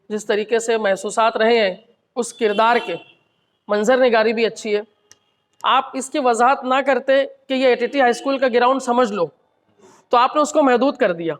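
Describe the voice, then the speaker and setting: A man giving a measured, analytical critique of a short story at a literary gathering, with occasional restarts. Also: extremely high pitch, a bit bright. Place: college hall. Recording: reverberant hall.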